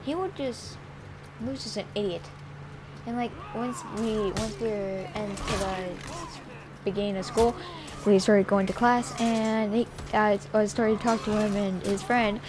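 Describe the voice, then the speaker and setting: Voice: mid-range voice, steady tone, a little slow. A child or young teen telling a story in a casual vlog, in an exasperated, sarcastic way and acting out bits of dialogue. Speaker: vlogger. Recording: noisy home-made recording with ambient noise.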